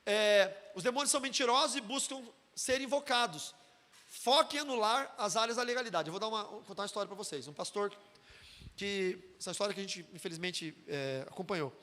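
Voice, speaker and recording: A Brazilian man preaches at a brisk clip in a high, bright voice, lively as he acts out the people in his stories. His voice rings with the long reverb of a hall. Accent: Brazilian Portuguese. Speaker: pastor teaching a deliverance seminar. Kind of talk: sermon-style teaching with told stories.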